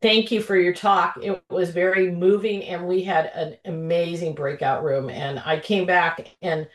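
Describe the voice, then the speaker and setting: Slow, halting woman in an echoey room. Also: on the low side, steady tone. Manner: halting, many fillers, emotional. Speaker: participant. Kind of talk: sharing a story on a video call. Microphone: video call.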